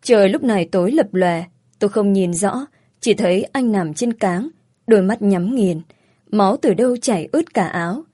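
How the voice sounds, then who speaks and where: A woman's voice: mid-range voice, normal speed, mellow, slightly rough, dry recording, studio quality. A woman narrating a first-person audiobook story with earnest, emotional delivery.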